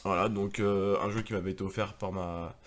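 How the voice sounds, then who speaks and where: A man's voice: sits low, steady tone, a little fast, slight background noise. Casual male vlogger, rambling and chatty, lots of fillers, presenting his collection. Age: adult, married with a daughter. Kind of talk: casual video chat.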